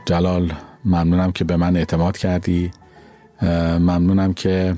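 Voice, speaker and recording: A man who mixes the podcast, speaking a playful, thankful message with halting pauses. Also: sits low, monotone, warm tone, soft background music. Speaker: podcast sound engineer. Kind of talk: casual spoken message.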